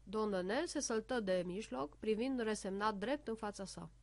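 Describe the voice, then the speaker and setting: A woman reading a children's storybook aloud, with an expressive, lively delivery. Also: medium pitch, dry recording. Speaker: narrator.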